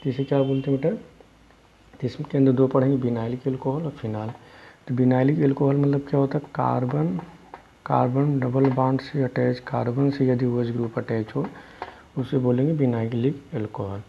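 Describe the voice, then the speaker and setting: A man's voice: mid-range voice, fairly even intonation, normal speed, vocal fry, a little hiss or hum. A male chemistry teacher giving a classroom lecture, explaining step by step and answering his own questions. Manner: explains step by step, asks students questions and answers them himself; calls students "beta". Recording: dull lo-fi recording.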